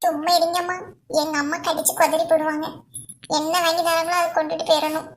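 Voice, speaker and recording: A woman's voice: very high voice, little pitch movement, quick pace. A woman voicing a cheeky little girl who whines and complains. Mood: complaining. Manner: complaining, whiny. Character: small girl, cheeky and whiny.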